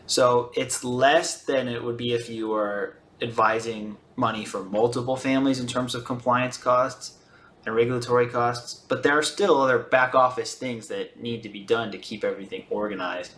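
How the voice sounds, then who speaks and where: A man presenting an explanatory monologue in a measured, methodical way. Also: mid-range voice, fairly even intonation, fairly bright tone. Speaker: video presenter on finance. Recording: roomy, echoing sound.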